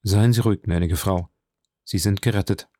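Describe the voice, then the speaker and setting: A man voicing a composed, middle-aged noble count in an audiobook, speaking low and measured. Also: fairly even intonation, dark tone, no room sound, lightly acted. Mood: reassuring. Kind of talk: audiobook reading.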